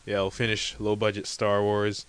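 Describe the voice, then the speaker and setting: Casting: young male co-host, low-pitched, relaxed, laughs easily. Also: moderate pace. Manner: easygoing, laughs a lot. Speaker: podcast co-host. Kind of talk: casual chat.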